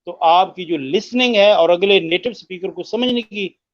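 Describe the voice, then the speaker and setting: A man teaching English listening skills in an explanatory discussion, speaking slowly with many hesitations, mixing in English phrases and repeating words to show their stress. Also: high-pitched, dry recording, dull audio.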